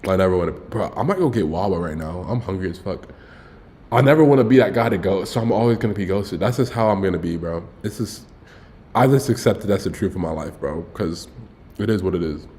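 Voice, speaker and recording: Speaking briskly in a low, dark voice with lively intonation, a man in his early twenties relates a loose, rambling story to stream viewers. His style is relaxed and slangy, with frequent self-corrections and repeated "bro."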